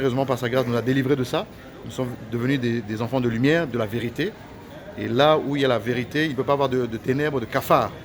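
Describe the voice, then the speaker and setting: A man with a mid-range voice, whose first language is Lingala, delivers a heated, preachy rant full of accusations. He hesitates often and keeps repeating phrases.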